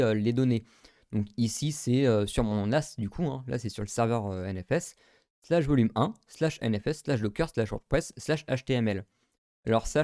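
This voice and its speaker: A man's voice: medium pitch, dark tone, dry recording, studio quality. Casual man talking through a tutorial. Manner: casual, many fillers, thinks aloud. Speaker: tech tutorial host. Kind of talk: screen-recorded tutorial walkthrough.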